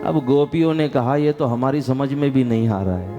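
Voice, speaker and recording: A man preaching a devotional story sermon as a katha preacher, dramatic and rising to fervent high calls, at times breaking into song. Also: expressive, moderate pace, dull audio. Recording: music playing behind.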